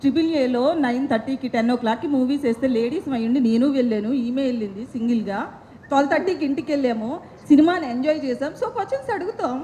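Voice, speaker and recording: A woman's voice: sits high, rapid-fire, dark tone, a little hiss or hum. A woman reporter chatting playfully at a press meet.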